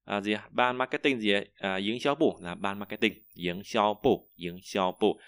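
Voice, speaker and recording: Bright-voiced man teaching vocabulary. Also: fairly low pitch, moderate pace, clean tone, no room sound, clean studio sound. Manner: thinks aloud, repeats each word with many fillers. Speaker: Chinese teacher. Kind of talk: vocabulary lesson.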